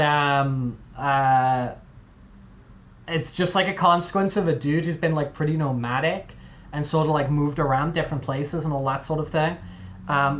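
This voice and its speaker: A man's voice: on the high side, fairly bright tone, a little hiss or hum. A young man with a mixed, displaced accent, chatting casually on a live stream, rambling with many fillers and restarts.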